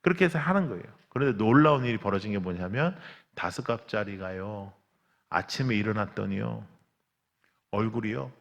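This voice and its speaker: A man's gravelly voice carries a revival sermon through a church sanctuary with a long reverb. He preaches as a pastor, acting out quotes and cries as he tells his stories. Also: lowish voice, moderate pace. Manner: animated storytelling, acts out quotes and cries.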